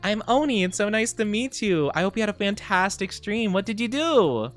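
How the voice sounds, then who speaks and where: A man's voice: high voice, big pitch swings, normal speed, a bit bright. A man hosting a livestream as a VTuber, chatting casually while he plays a game, with effusive, gushing greetings and a cutesy, cooing way of talking. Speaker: VTuber streamer host.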